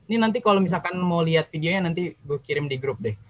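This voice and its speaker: A young man tells his own story in a casual, lively and emotional way. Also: a little high, quick pace, poor audio. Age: young adult. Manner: lively, slangy, emotional retelling. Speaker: youth sharing a testimony.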